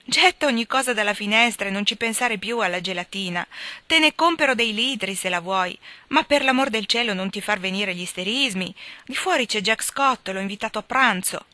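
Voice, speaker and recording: A woman's voice: mid-range voice, a little fast, bright, forceful tone, no room sound, voice pushed up, natural voice. Woman reading as a flustered, mild young husband. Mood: flustered coaxing. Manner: coaxing, then exasperated.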